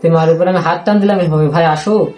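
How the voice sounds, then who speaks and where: A young man with a Rajshahi Bengali accent, haltingly recounting a personal story, with many restarts and repeated phrases. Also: on the high side, steady tone, music in the background. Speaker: interviewee.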